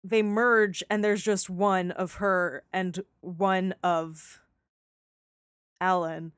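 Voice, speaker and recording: On a podcast about a TV series, a young woman with a fairly low voice co-hosts a casual chat, walking through the plot. She acts out the characters' lines in quick voices and laughs often. The sound is clean studio quality, with a clear tone and no echo.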